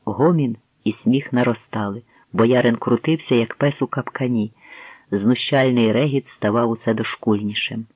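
A man narrating a historical tale in measured storytelling fashion, as an audiobook reader, on a tinny, dry recording. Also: medium pitch, husky, no room sound. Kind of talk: scripted narration. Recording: tinny phone-like dry sound.

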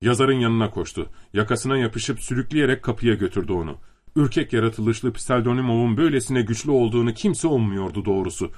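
Male audiobook narrator, measured and steady, plain reading voice. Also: medium pitch.

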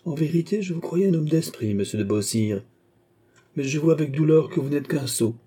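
A man reading an audiobook, voicing a suave masked nobleman who needles his rival with calm, polite irony. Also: a little high, a little fast, pitched above the performer's own voice. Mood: mocking. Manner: smooth, ironic, polite needling.

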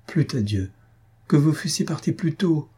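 A man's voice: a little high, lively intonation, normal speed, mellow, breathy edge, pitched above the performer's own voice. A man reading an audiobook, voicing an anguished young noblewoman with a solemn, pleading manner. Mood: sorrowful.

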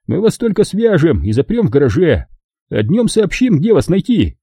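A man's voice: on the high side, very animated, mellow, breathy edge, no echo, clean studio sound, pitched above the performer's own voice, exaggerated voice. A man doing a wry, patient robber. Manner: wry, explaining slowly. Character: sarcastic American male robber from Boston, patient.

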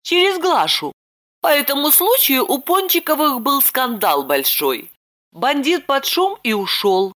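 A woman voicing an anxious, fretful young woman in an audiobook, speaking high and flustered. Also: sing-song, a little slow, a bit bright, exaggerated voice. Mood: fretful, pleading. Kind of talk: audiobook character voice.

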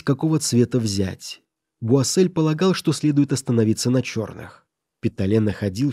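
A male narrator reads a classic story with a mellow, warm tone and measured delivery. The recording is close and dry, with no room sound. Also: medium pitch, no echo. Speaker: audiobook reader. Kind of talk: scripted audiobook narration.

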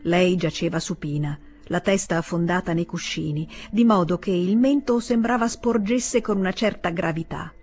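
A woman narrating a literary audiobook in a measured, even way. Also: on the low side, soft background music.

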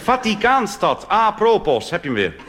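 A Dutch cabaret comedian performs a wry, mocking monologue on stage, occasionally slipping into quoted voices. His high-pitched voice swoops wildly at a moderate pace, in a live recording with hiss and audience laughter.

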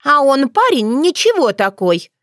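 A woman voicing a brash, jealous young village girl who talks in a shrill, squabbling way. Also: very animated, measured pace, no room sound, clean studio sound. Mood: pleading. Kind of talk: audiobook character voice.

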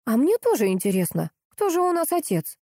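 A woman voicing a calm young sister-in-law who speaks in an even, faintly mocking tone. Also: high voice, fairly quick, dry recording, studio quality, pitched above the performer's own voice, heavily acted. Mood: wry.

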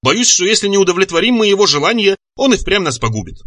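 A man's voice: high voice, very animated, fast, pushed and bright, no echo, recorded from a distance, pitched above the performer's own voice, full character voice. A man voicing a spirited young huntress. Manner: old-fashioned, spirited. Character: bold young huntress maiden, archaic speech.

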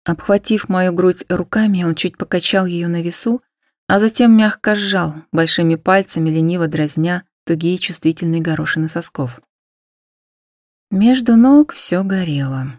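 Hushed, intimate woman narrator, low-voiced. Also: no echo, clean studio sound. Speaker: audiobook narrator. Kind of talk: first-person scripted narration.

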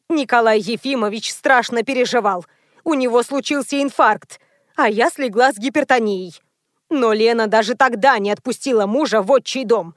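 A woman's voice: fairly high pitch, no room sound, studio quality, lightly acted. A woman voicing an irate older mother-in-law. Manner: loud, indignant, scolding.

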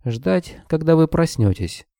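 A man voicing a calm, terse male rat creature who hisses and speaks in short clipped phrases. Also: fairly high pitch, a little slow, vocal fry, dry recording, studio quality, voice pushed up, heavily acted.

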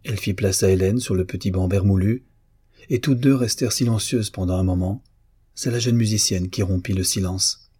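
A man narrating a classic novel as an audiobook, in a measured, even storytelling manner. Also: deep voice, slightly rough, no room sound, studio quality. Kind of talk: literary novel reading.

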